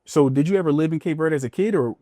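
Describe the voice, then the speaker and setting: A man's voice: a little high, fast talker, mellow, no room sound, studio quality. A man hosting a podcast, asking friendly, curious questions in a casual way. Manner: friendly and curious, asks questions and agrees a lot. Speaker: podcast host. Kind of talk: casual interview.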